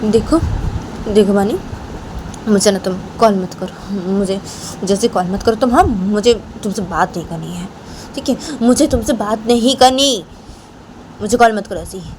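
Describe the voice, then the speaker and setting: A woman voicing a bickering, jealous young woman who nags in a high, whiny voice and keeps tagging her lines with "haan?". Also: moderate pace, darkish tone, a little hiss or hum, natural voice. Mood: sulky.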